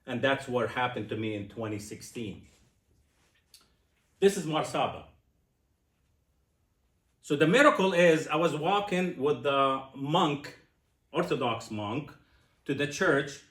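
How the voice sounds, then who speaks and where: A man in his sixties giving a personal testimony speech, animated and asking his audience questions. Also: mid-range voice, reverberant. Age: 60s. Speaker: speaker.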